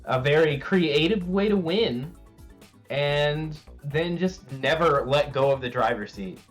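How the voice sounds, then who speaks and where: A man's voice: fairly high pitch, lively intonation, slow pace, soft background music. A man commentating a fighting game tournament live, calling the action with dramatic hype. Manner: dramatic, hyping the players. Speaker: esports commentator.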